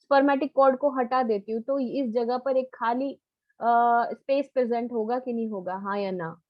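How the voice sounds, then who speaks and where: A woman's voice: a little high, a little slow, no echo, highs cut off. A woman biology teacher giving a live online lecture, coaxing answers out of her students in a familiar, quizzing way.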